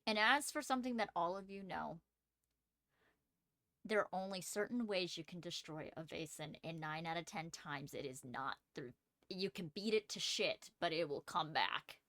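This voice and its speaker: A woman running a tabletop role-playing game as game master, narrating and answering players in an animated, conversational way. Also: lowish voice, moderate pace, dry recording, clean studio sound.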